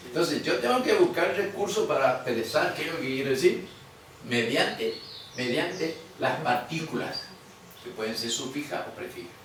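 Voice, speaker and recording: A man's voice: a little high, expressive, a bit bright, slight background noise. Man teaching, echoey far room. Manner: explanatory, quizzes students, repeats words slowly. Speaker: guaraní teacher. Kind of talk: classroom lecture. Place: museum classroom.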